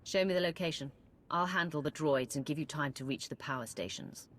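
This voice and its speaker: A firm Sith warrior. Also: female voice, sits low, brisk. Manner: firm, direct, commanding. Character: stern female Sith warrior commander.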